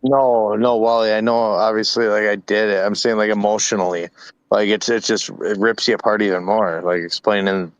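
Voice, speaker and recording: A man's voice: fairly low pitch, level tone, normal speed, dry recording, low-quality recording. Earnest man in his thirties. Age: 30s. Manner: earnest, interjecting, emotional. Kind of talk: casual group chat.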